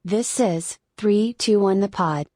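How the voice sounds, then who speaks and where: A man doing a robot-voice impression, speaking in a slow, even, mechanical way as a podcast intro tag. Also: high-pitched, dry recording, clean studio sound, pitched above the performer's own voice. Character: flat slow male robot announcer.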